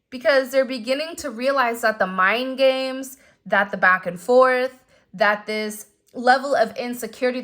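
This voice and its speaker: A woman's voice: on the high side, a bit bright. A woman giving an intuitive tarot reading in a conversational, emphatic way, speaking straight to the listener and repeating phrases for emphasis. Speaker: tarot reader. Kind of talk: intuitive tarot love reading, talking to the viewer.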